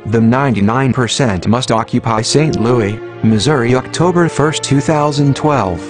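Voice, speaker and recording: An anonymous announcer in a disguised, low, computer-generated male voice, reading a scripted manifesto in an even, mechanical way. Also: normal speed, over music.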